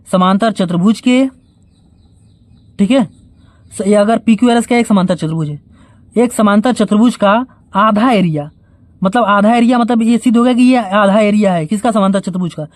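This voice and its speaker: A man's voice: sits high, normal speed, long pauses, dry recording, clean studio sound. A man teaching a school maths lesson, explaining step by step, asking rhetorical questions and encouraging his students in a casual way. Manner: encouraging, informal sign-off.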